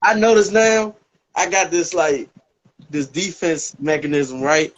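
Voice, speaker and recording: A man's voice: a little high, steady tone, measured pace, lo-fi sound. A man co-hosting a casual podcast chat, blunt and profane, laughing things off. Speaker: co-host. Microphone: video call.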